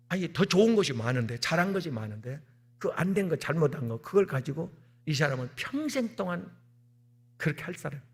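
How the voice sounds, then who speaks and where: A man, the senior pastor, preaching an animated sermon in a church, repeating key words and acting out stories. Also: fairly high pitch, breathy edge. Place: church sanctuary.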